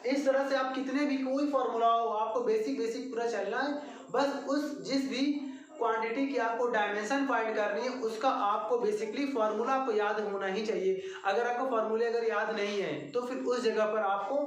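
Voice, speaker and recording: Male physics teacher, patient step-by-step lecturer, far from the mic in a booming classroom. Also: steady tone, normal speed. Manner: repetitive, step-by-step explaining, addresses students directly. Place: classroom at a coaching centre. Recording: very echoey room, mic far off.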